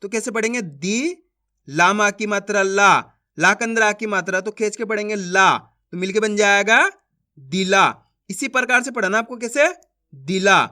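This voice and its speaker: A man's voice: sits high, bright, forceful tone. A man teaching beginners to read Hindi, sounding out words syllable by syllable and talking to viewers as friends. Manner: slow syllable-by-syllable drilling, addresses viewers as friends. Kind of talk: online reading lesson for beginners.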